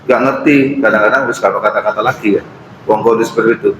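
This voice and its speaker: A man's voice: fairly low pitch, quick pace, a bit bright, slight background noise. A middle-aged man with an East Javanese accent preaching at a mosque study circle, telling stories casually with Javanese asides. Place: mosque hall. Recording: roomy hall, faint ambience.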